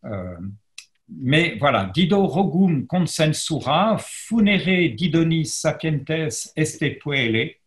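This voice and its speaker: A historian gives an academic lecture to a camera in a roomy setup, reading and translating verse with frequent pauses and restarts. His voice is a little high and reverberant, and his hesitant delivery includes self-deprecating remarks about his Latin pronunciation.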